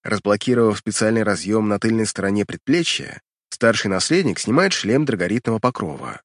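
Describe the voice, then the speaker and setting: A man's voice: on the low side, expressive, a little fast, dry recording, clean studio sound. A man narrating fiction from a script as an audiobook reader, in a dramatic storytelling style.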